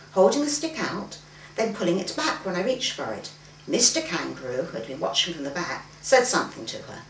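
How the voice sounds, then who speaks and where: An author reads her own fiction aloud from a manuscript at a live reading event in a private home, using lively, varied intonation and acting out the dialogue, stumbling now and then. Her voice is mid-range, and she's recorded at some distance in a roomy space with faint background noise.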